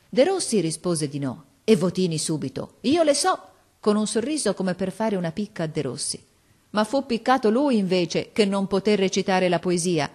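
A woman narrating an audiobook of a classic novel in an expressive, measured storytelling voice. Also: fairly low pitch.

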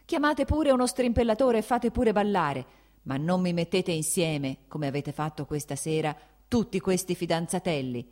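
A woman reading an audiobook, voicing an angry, blustering old prince who shouts and scoffs. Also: medium pitch, animated, normal speed, pitched above the performer's own voice, natural voice. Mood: angry shouting. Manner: shouting, scornful, mocking.

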